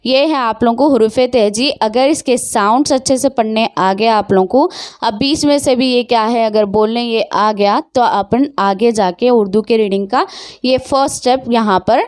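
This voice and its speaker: Woman teacher with a lilt, fairly high voice, dry close mic, spells letters out slowly for beginners. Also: darkish tone, no room sound. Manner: slow, drawn-out letter recitation between explanations. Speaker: Urdu teacher. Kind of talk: online language lesson.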